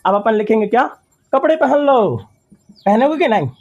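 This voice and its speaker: A man's voice: very high-pitched, expressive, normal speed, darkish tone, muffled recording. A man teaching English in a classroom, repeating phrases word by word and quizzing his students. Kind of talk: classroom lesson.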